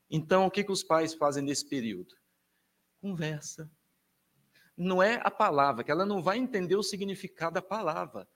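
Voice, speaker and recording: Brazilian priest giving a talk, kinda high voice, punchy and chatty, big swings up and down. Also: male voice. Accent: Brazilian Portuguese. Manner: emphatic, colloquial, with wide swings in pitch and loudness. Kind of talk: lecture to families.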